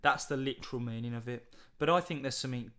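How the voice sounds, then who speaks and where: A man tutoring students through a poem, thinking aloud in a measured way with fillers and small restarts. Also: mid-range voice, sharp tone. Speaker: English literature tutor. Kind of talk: explaining a poem in a lesson.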